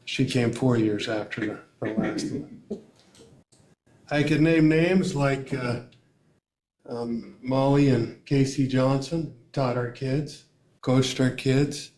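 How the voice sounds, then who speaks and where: A man's voice: mid-range voice, a little mellow. Emotional older man, echoey room. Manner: emotional, rambling, halting with many fillers. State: tearful. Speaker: parent addressing school board. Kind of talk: public comment at a meeting. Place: board meeting room.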